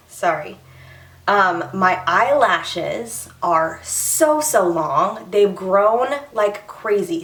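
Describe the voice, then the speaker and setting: A young woman, chatting candidly in a personal vlog and a little short of breath. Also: on the low side. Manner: candid and chatty, with many fillers and restarts. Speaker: vlogger. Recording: echoey room, voice a bit far from the mic.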